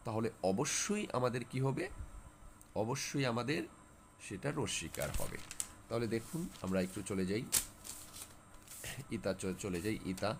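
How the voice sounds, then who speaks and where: This spelling lesson for exam students comes from a man with a medium-pitched voice over slight background noise. He keeps repeating key words and asks questions only to answer them himself.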